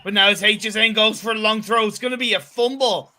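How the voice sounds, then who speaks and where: A man's voice: sits high, steady tone, brisk, pushed and bright. A man giving chatty color commentary on an esports football match, mixing analysis with jokes.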